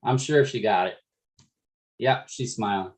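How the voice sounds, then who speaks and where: A man's voice: on the low side, a little slow, slight background noise. A man from Florida introducing himself briefly and cheerfully as a participant on a group video call. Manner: brief, upbeat self-introduction. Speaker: meetup participant.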